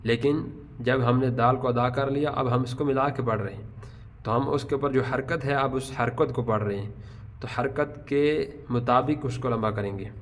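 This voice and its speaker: A man with a Pakistani Urdu accent teaching a tajweed lesson, stretching out each letter name slowly, then explaining in quick bursts. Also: mid-range voice, a little hiss or hum. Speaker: Quran recitation teacher.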